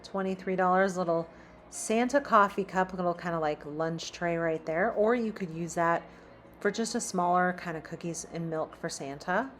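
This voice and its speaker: Soft music plays as a woman with a lowish, slightly bright voice walks through a large store at normal speed. In a casual shop-with-me style, she chats and reads out the prices she sees.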